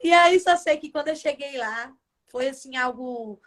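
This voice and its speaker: High-voiced Brazilian woman telling her story. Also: normal speed, fairly bright tone. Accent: Brazilian Portuguese. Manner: emotional storytelling, acts out her own past words. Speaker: gospel singer, interview guest. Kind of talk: casual testimony in a radio interview. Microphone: video call.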